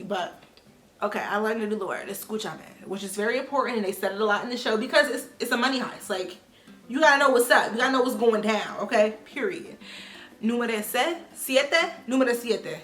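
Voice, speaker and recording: A young woman vlogging casually to camera, animated and slangy, jumping between loud outbursts and quiet asides. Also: on the high side. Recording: echoey room with faint music.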